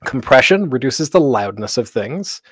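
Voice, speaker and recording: A man hosts an online convention panel, explaining things step by step. His voice sits in an ordinary middle pitch and sounds dry and close through a gated microphone. He leans on um fillers and at times chops his words into a careful staccato. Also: very animated, fairly bright tone, no echo. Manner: explains with frequent um fillers, sometimes deliberately staccato. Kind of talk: online presentation talk. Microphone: desk microphone with a noise gate.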